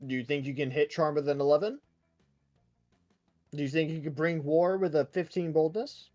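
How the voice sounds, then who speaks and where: A man's voice: on the high side, steady tone, normal speed, darkish tone. A man playing a video game with friends, teasing them and reading the game's text aloud with dramatic flair. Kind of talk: casual gaming chat and playful narration.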